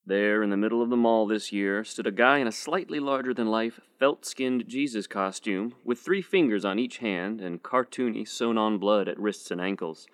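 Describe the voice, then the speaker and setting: A man narrating a short story in a steady, measured first-person reading. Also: fairly low pitch, dry recording. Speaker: audiobook narrator.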